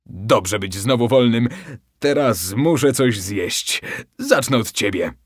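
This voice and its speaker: A man voicing a furious, hungry giant genie in a storybook reading, gruff and slow. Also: medium pitch, animated, no echo, clean studio sound. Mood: menacing.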